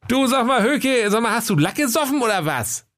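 A man voicing a stingy, vain rich man who blusters and whines in a high, cartoonish voice. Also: big pitch swings, brisk, a bit bright, exaggerated voice. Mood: scornful.

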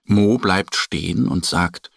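A man narrating a children's story in a calm, gentle storytelling manner. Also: low voice, slow pace, creaky, slightly rough, no echo, clean studio sound.

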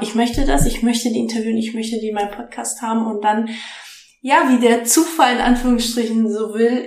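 Upbeat woman with a higher voice. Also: vocal fry. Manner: animated, excitable storytelling. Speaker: interview guest, podcaster. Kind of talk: casual interview chat. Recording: echoey room.

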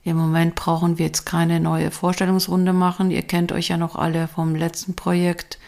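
A dull, monotone meeting leader, as a woman puts her on, who speaks with her mouth barely open. The words come out flat and muffled, with no lift anywhere. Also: lowish voice, moderate pace, creaky. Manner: monotone, mouth almost closed.

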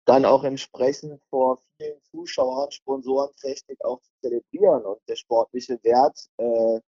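A male sports commentator called in by phone chats in a cheerful, upbeat way. His voice is mellow and warm. The phone line makes it sound dull and lo-fi. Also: medium pitch, steady tone, a little slow. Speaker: basketball commentator, phone guest. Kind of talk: casual chat on a phone call.

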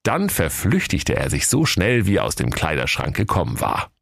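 Gravelly, animated Northern German storyteller. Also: male voice, low voice, moderate pace, no room sound, studio quality. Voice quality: playful, mock-solemn. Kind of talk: comic fairy-tale narration.

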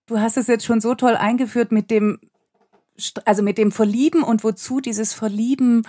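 A woman's voice: fairly high pitch, fairly even intonation, moderate pace, mellow. A woman hosting a podcast interview, speaking with enthusiastic admiration for her guest. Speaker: podcast host. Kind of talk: conversational interview.

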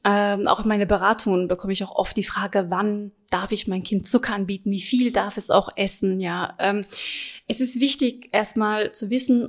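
A chatty woman in her thirties, speaking at an ordinary mid pitch as an interview guest. She explains things easily and loosely, dropping frequent small fillers as she goes. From Germany. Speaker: nutrition advisor, guest. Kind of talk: casual interview chat.

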